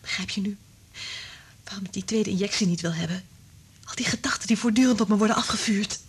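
An actress voices a bitter, anguished wife for a radio drama, confiding intensely in a breathy, husky tone that sinks into whispers. She speaks quickly in a mid-range voice, sounding tense and insistent.

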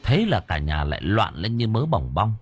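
A man's voice: on the low side, moderate pace, over music. A man narrating a ghost story dramatically. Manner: expressive, dramatic. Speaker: audiobook narrator.

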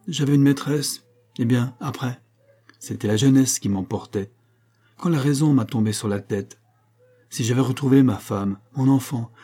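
A man's voice: mid-range voice, warm tone, close to an everyday voice. A man reading aloud as a scheming, vengeful husband who taunts his rival with irony. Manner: taunting, ironic.

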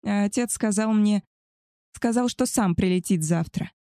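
A woman's voice: mid-range voice, normal speed, warm tone, no room sound, studio quality, lightly acted. A woman voicing an arrogant, spoiled young she-wolf woman who talks down to others in a haughty, contemptuous way. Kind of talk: audiobook character voice.

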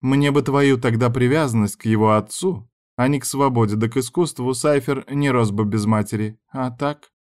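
A domineering older noblewoman from an audiobook, voiced by a man lifting his pitch. She scolds and orders people about briskly, sharp and commanding. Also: close to an everyday voice. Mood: scolding. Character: stern, bossy older noblewoman.

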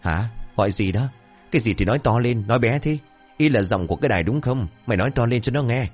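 A man's voice: mid-range voice, expressive, darkish tone, soft background music, pitched above the performer's own voice, lightly acted. A man voicing a cheeky young village rascal who rattles off insults and blithely denies everything. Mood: impatient. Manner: brash and mocking, rapid-fire insults. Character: cheeky brash village boy, shameless liar.

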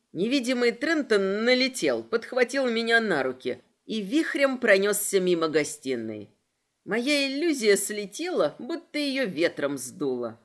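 Female audiobook narrator, lively pitch, wry first-person read.

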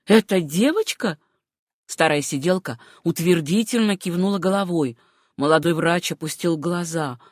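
An audiobook narrator reading a novel in an even, measured storytelling manner. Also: mid-range voice, dry recording, clean studio sound.

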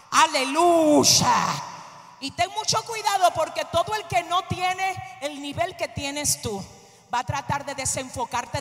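A woman pastor preaches with fervor, her very high, bright voice often rising to a shout. She calls out to the congregation, and the sound rings through a large, echoey church hall with a long reverb tail. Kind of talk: Pentecostal sermon.

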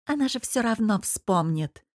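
A woman's voice: medium pitch, moderate pace, no room sound, studio quality, lightly acted. A woman reading an audiobook who voices a jealous, scheming young woman with a sulky, purring, spiteful manner. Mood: pleading, provoking.

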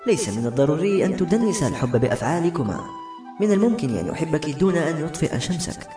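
A man voicing a young, hesitant servant girl who speaks softly and pleadingly. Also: a little high, sing-song, fast talker, far from the mic, pitched above the performer's own voice. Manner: soft, pleading. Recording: roomy echo, faint music.

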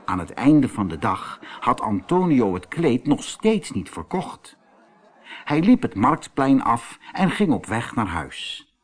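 Kalme mannelijke voorlezer, traag. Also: male voice, medium pitch, sing-song, slow. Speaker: narrator. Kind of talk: storybook reading.

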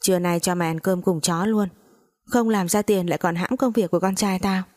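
A woman's voice: lowish voice, fairly quick, a little mellow, natural voice. A woman voicing a cruel, domineering older mother-in-law in a spoken story, scolding harshly.

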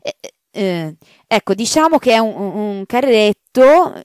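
A woman's voice: mid-range voice, expressive, a little slow, a little mellow, dry recording, clean studio sound, voice pushed up, natural voice. Woman acting out a timid flustered maid, stammering, hesitant, apologetic, storybook voice. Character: timid, flustered female housemaid.

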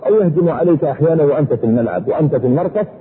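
A man preaching a sermon in a husky voice, fervent, his pitch sweeping up and down. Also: expressive, rapid-fire, a little hiss or hum. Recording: echoey hall over a tinny phone-like line.

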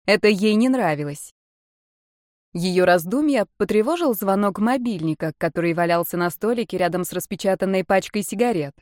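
Woman, audiobook narrator, even measured reading, medium pitch, dry close sound. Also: no echo. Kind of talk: scripted narration.

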